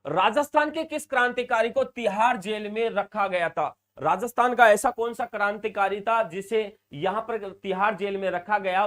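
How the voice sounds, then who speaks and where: Male tutor with a high voice. Repetitive, emphatic live exam-prep teaching. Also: a bit bright. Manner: repetitive, stresses points, reads out viewer comments.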